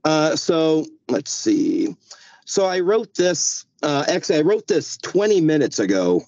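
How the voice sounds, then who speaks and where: A man's voice: fairly high pitch, sing-song, measured pace, a little mellow. A man joins a group voice chat from his parked car. His voice sounds dull and lo-fi, and the small space is dry with no echo. He chats loosely and fills the gaps with "like" and "uh". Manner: loose and chatty, many likes and uhs. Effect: heard over a group voice chat. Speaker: poet reading his work. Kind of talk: casual chat, then reading a poem aloud.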